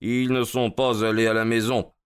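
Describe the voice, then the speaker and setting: A man voicing a brisk, impatient detective. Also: mid-range voice, level tone, clear, resonant tone, close to an everyday voice. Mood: urgent. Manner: brisk, urgent, commanding. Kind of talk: audiobook character reading.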